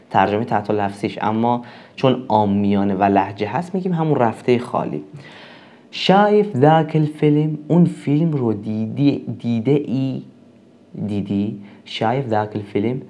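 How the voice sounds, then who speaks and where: Teacher, male, low voice, patient explainer who repeats examples. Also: darkish tone. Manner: explains slowly, drawing out example words; repeats example phrases twice. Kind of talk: recorded language lesson.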